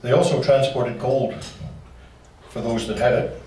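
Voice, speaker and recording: A man's voice: mid-range voice, steady tone, measured pace, mellow, slight background noise. Folksy man lecturing in a hall. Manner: folksy, with joking asides. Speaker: local history presenter. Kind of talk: slide-show talk to a club. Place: meeting room. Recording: roomy hall from far off.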